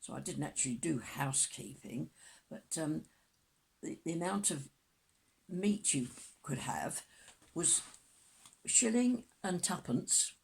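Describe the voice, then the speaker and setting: A woman in her nineties reminiscing in a casual interview, with an aged, husky voice and a halting, self-correcting way of talking. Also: low voice, lively intonation, darkish tone, slight background noise. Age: 90s. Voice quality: husky, creaky elderly voice.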